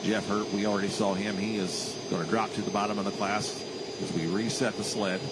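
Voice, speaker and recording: A man's voice: lowish voice, steady tone, a little fast. A man working as a tractor pull announcer, calling out names and distances live and repeating them for the crowd. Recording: loud engine and vehicle noise. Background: roaring vehicles at an outdoor track.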